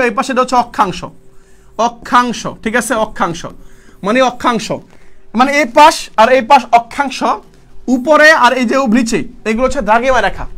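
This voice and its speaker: A young male tutor gives a fast online exam-prep lecture in a very high voice. He fires questions at his students and answers them himself, repeating each key term. He speaks casually and calls his students brother. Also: fairly bright tone.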